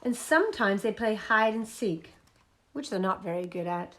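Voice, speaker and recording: A woman leading a toddler group, coaxing the children through songs and movement games and reading them picture books in an animated sing-song voice. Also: medium pitch, moderate pace, slight background noise. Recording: echoey room.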